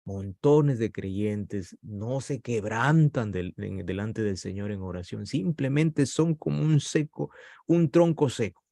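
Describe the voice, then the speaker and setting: A man preaches slowly in a creaky, dark voice, a pastor whose passion shows in sharp upward leaps of pitch at moments of emphasis. It's recorded in studio quality with no echo.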